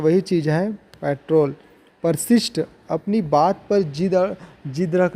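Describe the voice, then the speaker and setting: A man with a fairly high voice teaches pronunciation in a video lesson. His tone is very dark and mellow. He works through words one by one, giving each meaning and often repeating himself. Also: a little hiss or hum.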